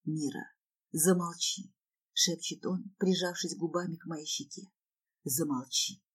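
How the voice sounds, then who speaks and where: A woman reading as a cold, domineering husband in a storybook, stern and curt, his voice pitched low and kept quiet and firm even as he turns someone out of his house. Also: moderate pace, husky. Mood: hushed, stern. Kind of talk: audiobook narration.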